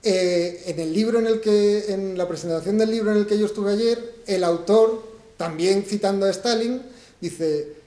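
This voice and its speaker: A man's voice: sits high, measured pace, warm tone, reverberant. A man from Spain presenting his book at a public talk, thinking aloud and posing rhetorical questions to the audience. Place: event hall.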